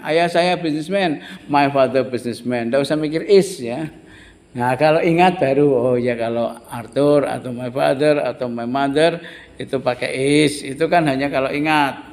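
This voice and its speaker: A male teacher giving an English lesson to a class, patiently repeating phrases slowly for learners. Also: fairly high pitch, long reverb tail.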